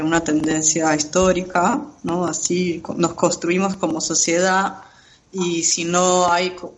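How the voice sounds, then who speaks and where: Brazilian woman guest researcher, native Portuguese speaker, measured and explanatory, with faint background noise. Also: fairly low pitch. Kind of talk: radio interview answers.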